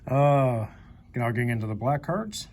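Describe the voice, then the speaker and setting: A man's voice: mid-range voice, lively intonation, normal speed, a little mellow, a little hiss or hum. A young man casually commenting as he pages through an old card collection, naming cards one by one in an upbeat, chatty way. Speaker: card collector channel host. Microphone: handheld camera mic.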